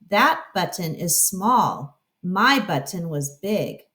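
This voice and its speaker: A woman's voice: lowish voice, sing-song, takes it slowly, bright, forceful tone, reverberant, pitched below the performer's own voice, heavily acted. A woman voicing a grumpy, fretful male toad who whines out complaints in a children's storybook read-aloud. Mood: disappointed. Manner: whiny, exclaiming complaints.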